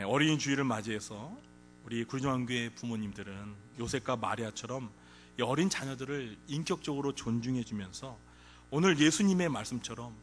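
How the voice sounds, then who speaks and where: A male pastor preaching a sermon to his congregation, acting out quoted parents and children with frequent chuckles. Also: medium pitch. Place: large church hall. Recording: long church hall reverb.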